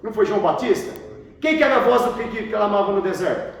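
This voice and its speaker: A man's voice: sits high, animated, fast talker. A Brazilian man, a pastor, teaching a Bible class and quizzing his students, often repeating their answers back to them. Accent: Brazilian Portuguese. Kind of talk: classroom theology lesson. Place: large echoey room with students, from far off. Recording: echoey room, voice from far off, faint noise.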